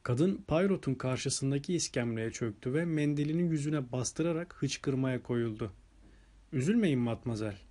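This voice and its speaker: A man calmly narrating a detective story as an audiobook. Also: mid-range voice, normal speed, hardly any pauses. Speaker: audiobook reader.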